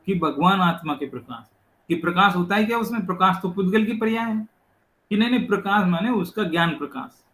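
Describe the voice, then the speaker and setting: High-voiced man lecturing in an echoey room. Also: fairly bright tone. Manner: explanatory, asks rhetorical questions, recites verse slowly. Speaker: scripture lecturer. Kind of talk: religious discourse lecture.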